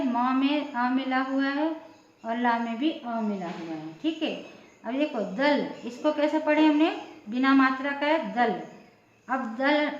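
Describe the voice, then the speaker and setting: Slow, high-voiced woman teaching letters. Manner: slow, spells out sounds one by one. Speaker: Hindi teacher. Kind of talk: blackboard lesson for beginners. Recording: echoey room, dull lo-fi sound.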